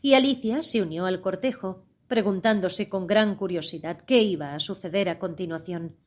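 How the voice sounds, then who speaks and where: Woman reading a storybook aloud. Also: lowish voice. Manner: measured, expressive reading. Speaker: audiobook narrator. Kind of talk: scripted storybook narration.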